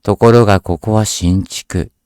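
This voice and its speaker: A man reading a scripted horror story aloud as a narrator, in a measured, deliberate storytelling delivery. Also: fairly low pitch, fairly even intonation, a little mellow, clear, resonant tone, no room sound, studio quality.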